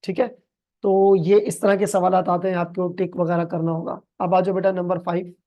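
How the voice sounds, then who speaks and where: Male accounting tutor with a Pakistani accent and a mellow voice. He reads case text word by word and coaxes the class along. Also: high voice, level tone, highs cut off. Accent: Pakistani Urdu. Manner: explains slowly in Hindi-Urdu with English terms, calls students "beta"; reads English passages very slowly and deliberately. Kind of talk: recorded video lecture.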